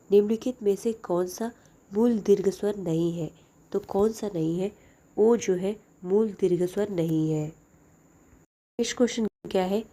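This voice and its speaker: A woman's voice: mid-range voice, mellow. A young woman teaching a lesson, reading out each exam question and then answering it plainly.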